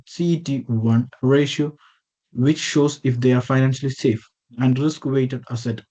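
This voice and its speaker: A man's voice: medium pitch, mellow. Man presenting over a muffled video call. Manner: reads from a script with small slips and self-corrections. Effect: heard over a video call. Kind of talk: reading a prepared slide presentation.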